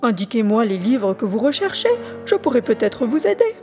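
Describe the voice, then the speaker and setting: A woman's voice: a little high, sing-song, moderate pace, a little mellow, faint music behind. A woman doing a courteous male scholar. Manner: polite, explanatory. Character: courteous Icelandic male scholar, helpful host.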